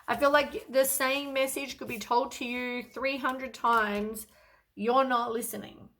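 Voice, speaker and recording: Blunt, exasperated higher-voiced woman. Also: steady tone, measured pace, sharp tone. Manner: blunt, exasperated, swears casually; lots of sighs and fillers. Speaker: tarot reader. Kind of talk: casual tarot reading to camera.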